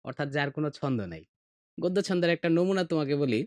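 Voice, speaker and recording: A middle-aged Bangladeshi Bengali man explains poetry like a patient teacher, sometimes slipping into slow, heartfelt recitation. His voice sits a little high for a man. It is close and dry, with no room sound at all. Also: darkish tone, no echo. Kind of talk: explanatory lesson podcast.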